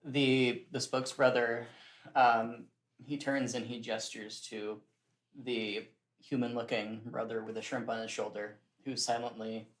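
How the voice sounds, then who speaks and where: A young man narrates a tabletop game as its game master. He describes the action in a relaxed, easygoing way and laughs often. His voice is mid-pitched, and the room around him sounds roomy and echoey. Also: a little slow.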